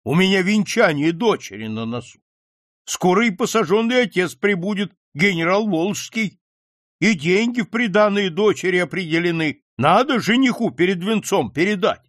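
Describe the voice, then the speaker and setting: A man's voice: high voice, expressive, moderate pace, fairly bright tone, dry recording, clean studio sound, pitched above the performer's own voice. A man reading an audiobook, voicing an exasperated older male captain who scolds a begging merchant. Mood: scolding. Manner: scolding, incredulous.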